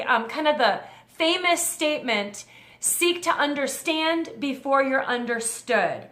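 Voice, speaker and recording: A woman's voice: sits high, pushed and bright, echoey room. A middle-aged woman hosting a short talk for mothers, talking through a numbered list of advice in a friendly, conversational way. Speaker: host.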